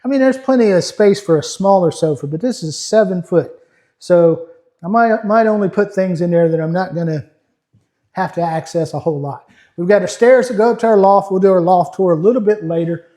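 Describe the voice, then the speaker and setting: A man with a fairly high, soft-edged voice hosts a walkthrough tour. He talks in a chatty, folksy, unscripted way, speaking straight to the viewers. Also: fairly quick. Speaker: host of a tiny house tour channel. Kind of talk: casual unscripted walkthrough narration.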